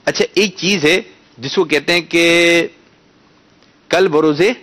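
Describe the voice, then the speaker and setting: A man with a bright, ringing voice pitched a little high hosts a children's quiz. He coaxes the young contestants patiently, corrects their pronunciation, and calls out winners loudly. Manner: bursts into loud announcements.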